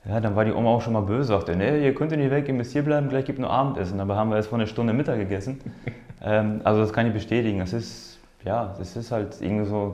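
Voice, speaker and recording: Born in Poland and raised in the Ruhr area of Germany, this footballer speaks Polish natively and is being interviewed. His voice is on the low side and mellow, and his casual answers involve frequent word-searching and repetition, recorded in a roomy, echoing space.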